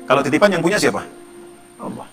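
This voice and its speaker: A man's voice: fairly high pitch, lively intonation, fast talker, fairly bright tone, faint music behind. A male Islamic preacher giving a conversational sermon, often asking the audience rhetorical questions.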